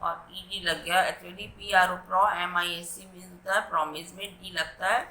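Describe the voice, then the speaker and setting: A woman's voice: lowish voice, fairly even intonation, bright, forceful tone, a little hiss or hum. A woman teaching English to children in Hindi, spelling out words letter by letter and translating each phrase. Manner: addresses children directly, slow deliberate reading of English. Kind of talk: bilingual classroom lesson explaining vocabulary and reading. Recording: echoey room.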